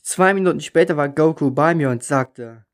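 A man's voice: a little high, normal speed. A man reading a children's story on the radio, narrating in the first person.

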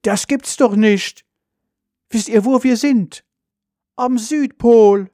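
A man voicing an excitable young girl who exclaims shrilly. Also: very high voice, slow, dry recording, clean studio sound, voice pushed up. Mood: excited.

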